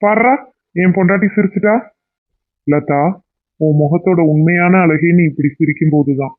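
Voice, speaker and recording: A man's voice: fairly high pitch, moderate pace, lightly acted. A man voicing a young cartoon husband who pleads and makes up with his wife in an affectionate way. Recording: tinny phone-like sound.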